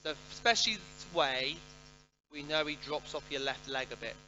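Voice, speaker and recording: A man working as a riding coach gives live instruction in brisk, projected commands. His voice is very bright and forceful and sits on the high side. The recording is muffled and band-limited, with music in it. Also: lively intonation. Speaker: riding coach giving a jumping and pole clinic.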